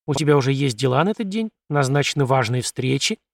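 A man voicing a lively, coaxing young woman. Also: mid-range voice, vocal fry, no echo, clean studio sound. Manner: brisk, coaxing. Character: lively bold young woman, court lady-in-waiting.

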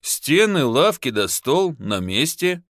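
A man voicing a gruff, mocking peasant husband who talks bluntly. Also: a little high, very animated, slow, a bit bright, no room sound, studio quality, exaggerated voice.

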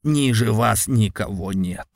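A man voicing an exhausted, defiant old clan patriarch near death in an audiobook, speaking weakly in a slow, solemn mutter. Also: on the low side, no room sound, clean studio sound. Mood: solemn defiance. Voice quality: weak, muttering. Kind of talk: audiobook character voice.

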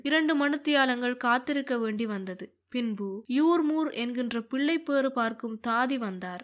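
A woman narrating a novel in a steady storytelling manner. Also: high voice. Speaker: audiobook narrator. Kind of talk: scripted narration.

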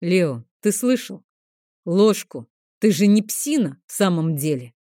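A woman voicing a gruff, loud adult male dragon who barks orders roughly, in an audiobook. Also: lowish voice, big pitch swings, unhurried, dry recording, clean studio sound. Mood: scolding. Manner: rough, bossy, barking. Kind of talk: audiobook character voice.

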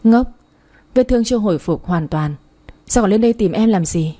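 A woman's voice: medium pitch, animated, normal speed, warm tone, close to an everyday voice. A woman reading the lines of a tearful, loving young heroine in a romance story, asking emotional, pleading questions. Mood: worried.

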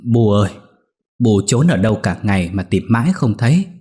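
A man's voice: fairly low pitch, very animated, moderate pace, warm tone. A man voicing a worried, tearful middle-aged daughter-in-law who pleads urgently. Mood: pleading.

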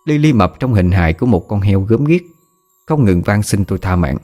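A man narrating a first-person audio story in a steady storytelling manner. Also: lowish voice, a little fast, soft background music.

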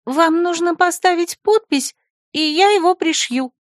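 A woman putting on a squeaky, whiny young secretary. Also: unhurried, no room sound, studio quality. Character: spoiled tearful young female secretary.

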